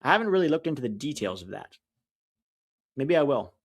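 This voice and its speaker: A man with a mid-range, sing-song voice co-hosts a live soccer watch-along, mixing casual chat with match commentary. Blunt and opinionated, he's quick to vent frustration, and his accent is a hard-to-place mix.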